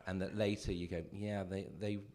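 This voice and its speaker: Low, mellow man musing haltingly. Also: flat delivery. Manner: thoughtful, halting, self-deprecating. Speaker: panelist. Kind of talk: reflective panel talk. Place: cinema cafe panel.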